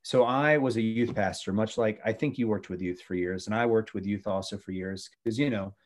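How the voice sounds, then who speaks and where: A man's voice: on the low side, a little fast. A middle-aged man, a former youth pastor, talking about faith and family in an earnest, preachy way with many restarts.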